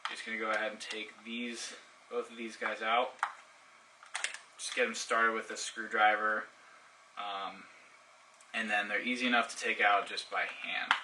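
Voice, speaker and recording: A product reviewer does a casual unboxing and hands-on demonstration, explaining things informally step by step. His voice is on the low side and flat, with an unhurried pace and long pauses. A distant mic picks up faint background noise.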